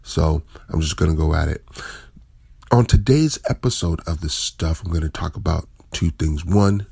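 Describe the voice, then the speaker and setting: A man's voice: a bass voice, normal speed, vocal fry, warm tone, slightly rough, no room sound. A man hosting a casual solo podcast, sounding groggy and unwell, rambling informally and correcting himself as he goes. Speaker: podcast host.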